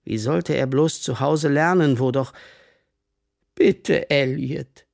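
A man narrating a children's audiobook in a lively storytelling style. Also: medium pitch, normal speed, creaky, no echo, clean studio sound. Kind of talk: scripted narration.

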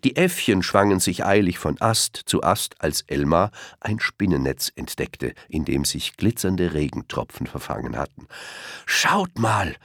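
A man with a very deep voice reads a children's story aloud, his pitch rising and falling with expression. The recording is close and dry, with no room sound. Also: animated, normal speed, hardly any pauses, dry recording. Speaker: narrator.

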